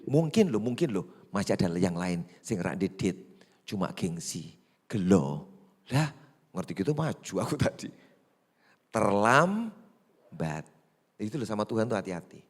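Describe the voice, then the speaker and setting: A man with a Javanese accent, a pastor preaching a sermon in lively storytelling style. He acts out the voices he quotes and swings between loud and hushed delivery. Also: on the low side, normal speed, creaky. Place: large church hall. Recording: long hall reverb.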